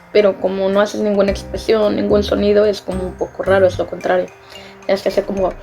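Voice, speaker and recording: A woman's voice: medium pitch, darkish tone. A young Mexican woman chatting casually in a vlog, filling her talk with "este" and laughing at herself. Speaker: vlogger. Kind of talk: casual vlog explaining customs.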